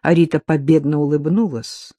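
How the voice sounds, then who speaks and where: A woman narrating an audiobook in a calm, even storytelling manner. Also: low voice, normal speed, no room sound, studio quality. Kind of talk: scripted narration.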